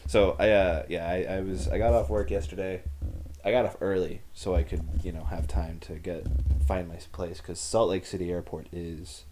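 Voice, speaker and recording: A man's voice: sits low, fairly even intonation, normal speed, warm tone, a little hiss or hum. A man from the Boston area with a light Boston accent, co-hosting a casual podcast, joking and laughing as he tells rambling stories. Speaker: podcast co-host. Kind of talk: casual chat. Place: recorded face to face in Texas.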